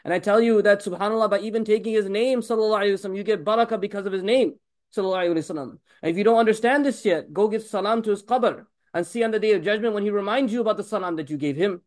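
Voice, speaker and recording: Rapid-fire high-voiced male preacher. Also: a little mellow. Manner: rapid, emphatic preaching with blessings on the Prophet woven in; rhetorical questions to the audience. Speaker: religious teacher. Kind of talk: religious talk.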